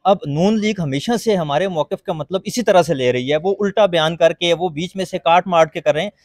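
A lawyer, a man, argues his case to a reporter in rapid, emphatic bursts. His voice sits a little high and sounds dry and close, with no room around it. He presses each point with quick insistence. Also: a little mellow, no room sound. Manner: fast, emphatic, argumentative. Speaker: lawyer, party legal forum member. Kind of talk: courthouse interview answers.

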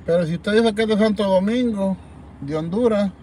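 A man's voice: high voice, moderate pace, darkish tone, slight background noise. A man from El Salvador with a Salvadoran accent, rambling animatedly to viewers as host of a live chat from a parked car at night, reading comments aloud. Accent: Salvadoran Spanish. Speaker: livestream host.

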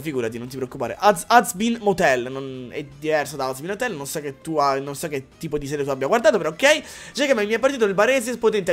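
Man, live streamer, high-pitched, rambling, excitable, crude, faint background music. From Calabria, Italy. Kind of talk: live stream chat reading.

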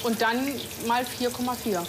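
A woman's voice: on the high side, fairly even intonation, normal speed, background noise. A woman who owns a restaurant, giving short, hesitant answers while being questioned in her kitchen. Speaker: restaurant owner. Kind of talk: casual reality-TV talk.

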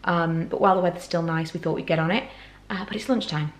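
A woman's voice: fairly low pitch, quick pace. A woman in her thirties with a British accent, chatting casually to camera in a daily vlog, rambling and self-deprecating. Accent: British English. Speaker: vlogger.

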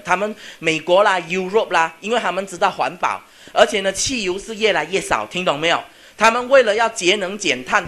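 Bright-voiced man lecturing a crowd. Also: sits high. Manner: keeps checking the audience with "got it?" and mixes in English words. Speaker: seminar speaker. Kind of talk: motivational seminar lecture to a live audience.

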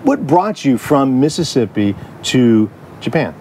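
A man's voice: medium pitch, sing-song, measured pace, a little mellow, slight background noise. A man hosting a casual interview on an outdoor porch, enthusiastic and often restarting his sentences. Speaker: show host.

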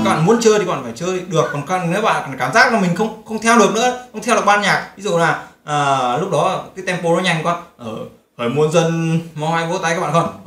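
A man giving a casual guitar lesson, explaining chords and strumming and breaking into hymn lines. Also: a little high. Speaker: guitar teacher. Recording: roomy sound with loud guitar. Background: loud guitar playing.

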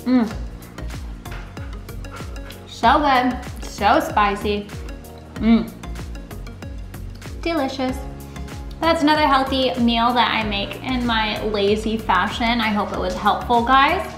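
A woman in her thirties with a slightly high, somewhat bright voice speaks slowly and pauses often. She's a fitness vlogger making a casual cooking vlog, chatting cheerfully and warmly in her home kitchen while a camera records from the counter. The room echoes, and music plays in the background.

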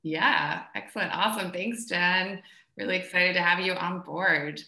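A woman's voice: fairly low pitch, moderate pace, vocal fry, bright, forceful tone. A woman in her thirties from the United States, co-owner of a travel company, hosting a casual webinar in a friendly, chatty way with many fillers. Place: home room, video call. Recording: echoey room.

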